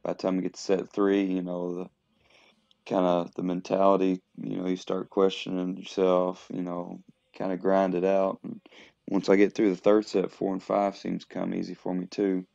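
A man vlogging at the gym, explaining his training between sets in a plain, halting way with lots of fillers. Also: deep voice, monotone, vocal fry, dark tone, dry recording, muffled recording. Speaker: fitness vlogger. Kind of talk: casual talk to camera between lifting sets.

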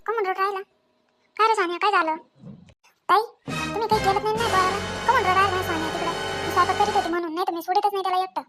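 A woman's voice: very high voice, fairly even intonation, very fast, pauses often, music in the background. A woman voicing a tearful young mother. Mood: frantic. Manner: pleading, tearful. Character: protective young mother, suspicious then remorseful.

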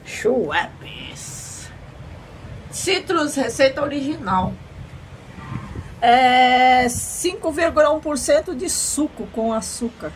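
High-voiced Brazilian woman vlogger, chirpy, noisy background. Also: lively intonation, takes it slowly. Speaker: video channel host. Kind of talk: product tasting review to camera. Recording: noisy outdoor ambience.

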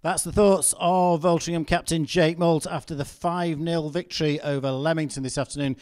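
A man's voice: fairly high pitch, fairly even intonation, moderate pace, a little mellow, clear, resonant tone. A man interviewing a player for a club TV channel after a match, recapping goals in a chatty, commentary-like way. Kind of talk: post-match interview questions.

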